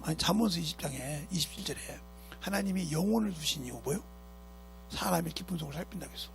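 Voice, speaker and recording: A man's voice: fairly high pitch, vocal fry. A man preaching a sermon as pastor, emphatic and scolding, who keeps asking his congregation rhetorical questions. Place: church sanctuary.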